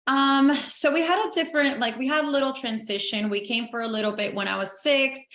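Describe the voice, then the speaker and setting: A woman's voice: high-pitched, a bit bright. Talkative woman in an echoey room. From Venezuela. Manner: talkative, upbeat, quick to laugh. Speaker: podcast guest. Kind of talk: casual interview chat.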